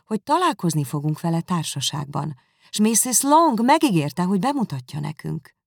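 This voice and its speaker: A sensible young daughter reasoning politely, voiced by a woman reading a novel. Low and gravelly, with a lively lilt, recorded close and dry. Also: no echo, full character voice.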